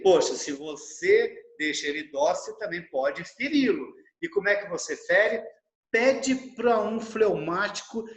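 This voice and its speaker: Animated high-voiced man lecturing. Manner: animated, acts out little dialogues in his examples. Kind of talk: lecture over a video call. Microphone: video call microphone. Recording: roomy echo on a video call.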